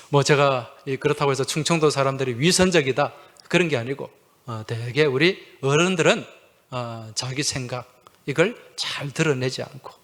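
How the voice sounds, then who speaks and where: A man preaching a Sunday sermon as pastor. He talks conversationally, asks his listeners questions and keeps affirming with a quick "yes". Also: medium pitch, a bit bright. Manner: conversational, uses humorous anecdotes.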